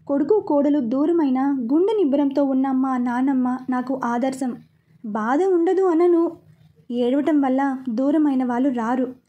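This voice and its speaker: A woman reading as a stern young husband. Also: high voice. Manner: scolding, then gently consoling. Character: young man, stern but caring husband. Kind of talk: storybook reading.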